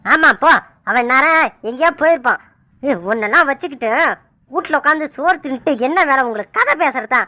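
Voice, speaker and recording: A woman's voice: sits high, animated, brisk, pushed and bright, dry recording. A woman voicing a grumbling, scolding middle-aged village father.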